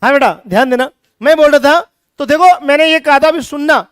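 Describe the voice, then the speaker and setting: A man's voice: extremely high pitch, fairly quick, a bit bright, dry recording, studio quality. A man, teaching a chemistry lecture energetically, teasing his students with rhetorical questions. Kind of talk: classroom lecture.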